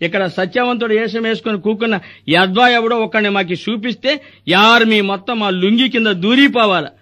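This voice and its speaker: An actor playing a scheming, greedy hospital doctor in a stage comedy, firing off rustic wisecracks. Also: male voice, high voice, sharp tone. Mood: mocking. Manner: rapid wisecracking, rustic dialect.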